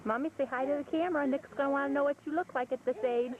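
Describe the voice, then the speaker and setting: A woman's voice: high-pitched, fairly even intonation, racing, phone-quality sound. A woman filming a home video, coaxing and playful as she talks to a baby, heard on an old camcorder tape. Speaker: home video camera operator. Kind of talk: casual home video chatter. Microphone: camcorder built-in mic.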